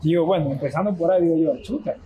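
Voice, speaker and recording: Animated man, noisy recording. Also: a little high, a little fast. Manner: animated, acts out quotes in raised voices. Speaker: guest telling his boxing story. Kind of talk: casual storytelling in conversation. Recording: noisy background hiss.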